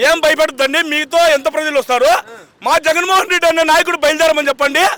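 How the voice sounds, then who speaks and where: A man's voice: very high voice, steady tone, racing, sharp tone. A man, a member of the public giving a heated, repetitive rant in a street interview. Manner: indignant, repetitive ranting.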